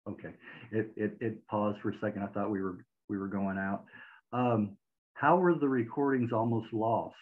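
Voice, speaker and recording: A man with a fairly low, fairly even voice speaks at a moderate pace, hosting a video-call interview from a home room lined with record shelves. He asks friendly, hesitant questions and repeats words. The webcam mic gives the audio a tinny, phone-like quality.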